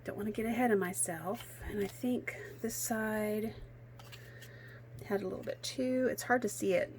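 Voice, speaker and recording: At a home craft table, a woman gives a casual card-making tutorial, thinking aloud and teasing herself as she works. Her medium-pitched voice is a little mellow and slightly froggy, hoarse from allergies, and she speaks at a moderate pace over a faint hiss or hum.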